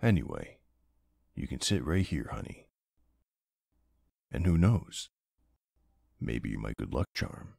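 Very deep-voiced, flustered young streamer boyfriend played by a man. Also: sing-song, measured pace, gravelly, pauses often, a little mellow, breathy edge, no room sound, studio quality, full character voice. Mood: teasing, casual. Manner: teasing, easily flustered, affectionate. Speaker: roleplay voice actor. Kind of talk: boyfriend role-play, casual livestream chat.

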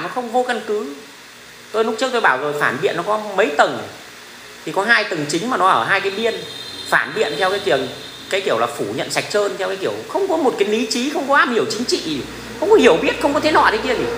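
A man's voice: high voice, sharp tone. A middle-aged man, talking in a casual, rambling livestream, blunt and profane, laughing often. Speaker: livestream host. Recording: echoey room with faint ambient noise.

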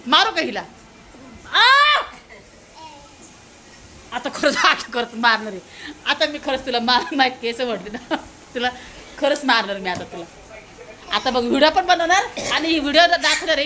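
Young mum from Maharashtra, family vlogger, high sharp voice, animated and repetitive, phone-recorded at home. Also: female voice, slight background noise. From Maharashtra, India. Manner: animated, repeats words in quick calls. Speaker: vlogger and mother. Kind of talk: casual family vlog.

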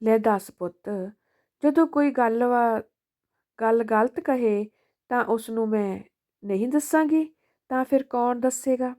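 A woman doing a gentle forgiving old mother. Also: a little high, a little slow, lightly acted. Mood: pleading. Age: older.

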